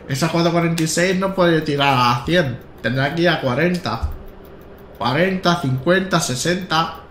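A man's voice: a little high, measured pace, fairly bright tone, roomy sound, a little hiss or hum. Joking Spanish streamer man in his 30s. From Spain. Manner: joking and rambling, with stammered restarts and bursts of laughter. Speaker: gaming streamer. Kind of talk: casual live-stream chat while playing a train simulator.

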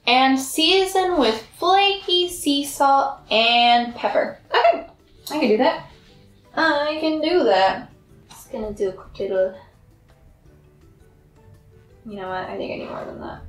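Slow-talking young woman cooking, far from the mic. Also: high-pitched. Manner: chatty and self-deprecating, thinking aloud. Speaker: vlogger cooking at home. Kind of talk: casual cooking vlog. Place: small home kitchen. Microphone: far camera. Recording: roomy kitchen sound from a distant camera.

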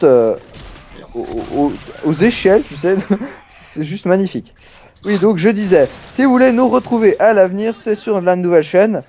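A man's voice: high-pitched, warm tone, slight background noise. A young man hosting a casual let's play, chatting playfully with many fillers. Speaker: gaming channel host.

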